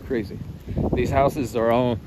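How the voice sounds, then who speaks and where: American man livestreaming in loud wind. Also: mid-range voice, steady tone, measured pace. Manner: blunt, offhand, profane. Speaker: livestream host. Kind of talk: casual rambling live storm vlog. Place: outdoors on a residential street. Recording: loud wind and outdoor rustle.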